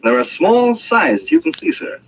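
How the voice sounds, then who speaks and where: An actor playing an insistent, cocksure police constable making accusations in an old-time radio drama. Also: male voice, very high voice, huge pitch swings, moderate pace, exaggerated voice. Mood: accusing. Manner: insistent, triumphant. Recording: muffled, hissy old radio recording.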